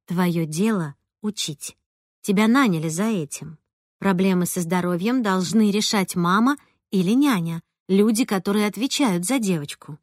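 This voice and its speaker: A woman voicing a stern, worried middle-aged mother in an audiobook, speaking lower and slower and lecturing. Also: no echo, studio quality, natural voice. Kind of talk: audiobook character voice.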